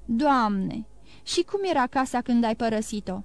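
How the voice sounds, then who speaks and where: A woman's voice: on the high side, expressive, no echo. A woman reading an audiobook, voicing a distraught, hasty young nobleman who speaks urgently and pleadingly.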